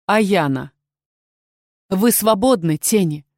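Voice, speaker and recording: A woman voicing a calm, proud female shadow-dragon in an audiobook, speaking in a steady, dignified way. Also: medium pitch, slow pace, no room sound, clean studio sound.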